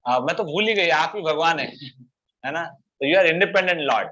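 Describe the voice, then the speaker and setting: A man's voice: fairly high pitch, animated, unhurried, pushed and bright, exaggerated voice. A man voicing an earnest pleading queen mother. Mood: humble. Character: devoted queen mother, older woman, pleading. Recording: dull lo-fi recording.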